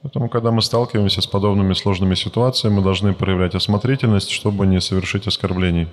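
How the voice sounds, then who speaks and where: Low-voiced guy interpreting a lecture, lots of ums, hall echo. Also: fairly even intonation, fast talker. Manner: hesitant, many fillers and restarts. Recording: long hall reverb.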